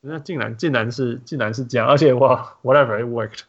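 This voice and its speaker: A man hosting a relaxed podcast conversation, hopping between Mandarin and English with lively energy. His voice sits at a middle pitch. The recording sounds dull and a bit lo-fi. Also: brisk. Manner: code-switching between Mandarin and English, animated. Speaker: podcast host. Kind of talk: casual chat.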